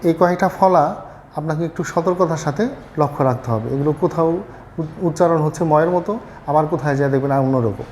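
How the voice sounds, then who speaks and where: Man, teacher, patient step-by-step explanation, slightly high voice, faint noise behind. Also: fast talker, darkish tone. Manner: patient, explanatory, repeats "ঠিক আছে?" to check understanding; fillers and self-corrections. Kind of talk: spoken lesson on Bangla pronunciation.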